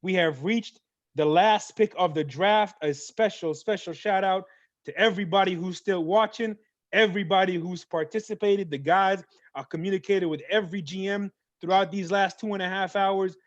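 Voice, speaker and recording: A man hosting a casual mock draft talk show, animated and playful, hyping up picks. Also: high-pitched, moderate pace, no room sound, dull audio.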